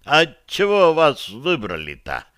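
A man's voice: mid-range voice, animated, a little slow, fairly bright tone, clean tone, dry recording, studio quality. A man voicing a hulking, sardonic male bruiser who grumbles his sarcastic remarks.

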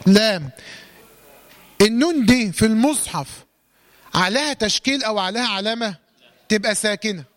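High-voiced Egyptian man teaching Quran recitation. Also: expressive, fairly bright tone, no echo. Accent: Egyptian Arabic. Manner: asks rhetorical questions and answers them, slow chanted recitation examples. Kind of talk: Egyptian colloquial tajweed lesson.

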